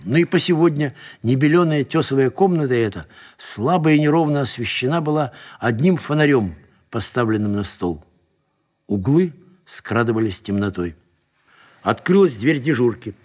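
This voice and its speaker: A man narrating a literary story aloud, with an expressive and dramatic reading. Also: medium pitch, moderate pace.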